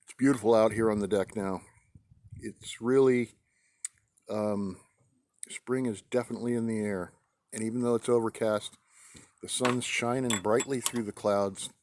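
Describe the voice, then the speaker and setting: An American man from New England talking casually and haltingly as he hosts a vlog outdoors on a deck. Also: on the low side, steady tone, a little mellow, a little hiss or hum. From New England, United States. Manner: halting, with pauses mid-sentence. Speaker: pipe-smoking video host. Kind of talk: casual rambling vlog monologue. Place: outdoors on a deck in a light breeze.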